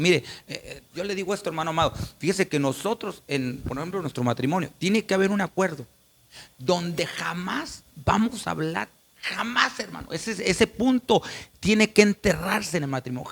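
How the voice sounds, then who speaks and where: A man's voice: high voice, vocal fry, fairly bright tone. A man preaching a sermon as a pastor, with emphatic repetition and constant direct appeals to the congregation.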